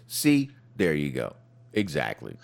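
Very deep-voiced profane wrestling podcaster. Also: male voice, huge pitch swings, a little slow, vocal fry. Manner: blunt, profane, rambling with restarts. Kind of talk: casual crude chat.

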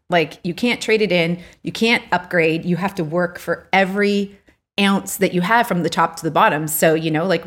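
A woman in her forties co-hosting a podcast with her husband, talking in a chatty, earnest way with lots of fillers. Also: fairly low pitch. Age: 40s. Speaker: podcast co-host. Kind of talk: casual chat.

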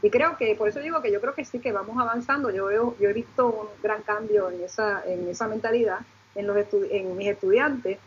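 A woman's voice: mid-range voice, brisk, dull audio, slight background noise. A woman with a Puerto Rican Caribbean Spanish accent explaining reflectively on a panel, searching for her words as she goes. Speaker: law lecturer and panelist.

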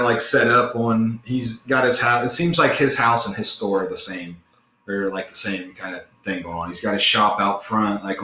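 A man's voice: fairly low pitch, bright, forceful tone. A man narrating as game master for a tabletop game in a loose, rambling way with lots of fillers. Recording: echoey room with faint noise.

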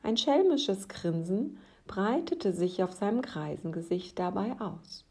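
A woman narrating a story aloud, calm and soft-spoken. She takes her time, reading at a slow, measured pace, and often lets her voice sink to a hushed whisper. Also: mid-range voice.

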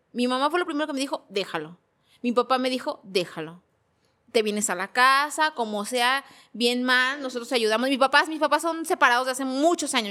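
A woman's voice: fairly high pitch, sharp tone. A woman in her forties with a Mexican accent, telling an interviewer about her hard past, repeating words as she goes. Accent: Mexican Spanish. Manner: emotional, repetitive storytelling. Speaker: guest. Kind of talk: personal testimony in a podcast interview.

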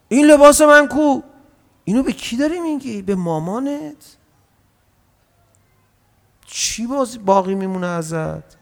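High gravelly male preacher in a hall. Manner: lively, acts out quoted speech; slow drawn-out chanting of verses. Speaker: religious lecturer. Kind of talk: sermon.

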